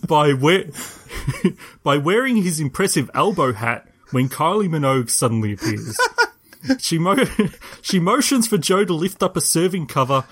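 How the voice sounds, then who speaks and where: A man's voice: a little high, very animated, normal speed, a bit bright, slightly rough. A man co-hosting a podcast, recapping an episode in casual chat and laughing often. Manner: laughs often while talking, playful. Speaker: podcast co-host.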